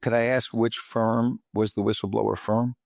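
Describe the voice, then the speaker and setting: Here the New York podcaster from the Bronx sounds lowish, flat and creaky, a little mellow, at a normal pace. The conversational interview is recorded at studio quality with no echo, and he keeps prompting agreement with a repeated "right?" and leading questions.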